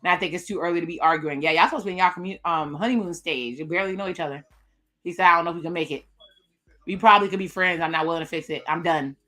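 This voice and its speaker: A woman's voice: lowish voice, racing, fairly bright tone. A woman hosting a live reaction stream, casually recapping and commenting on a dating show. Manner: casual, recaps what cast members say, chatty asides. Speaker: reaction video host.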